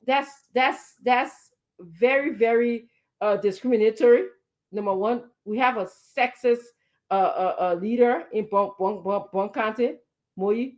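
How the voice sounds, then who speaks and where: A woman's voice: on the high side, muffled recording. A woman giving impassioned political commentary on a talk show, emphatic and indignant, with repeated words and pointed rhetorical questions. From Liberia.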